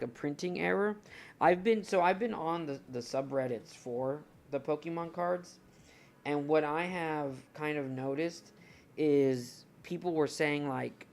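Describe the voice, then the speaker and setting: A young man streaming live, chatting casually and rambling to his viewers while he looks through his cards. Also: a little high. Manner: rambling, chatty, talks to chat while browsing.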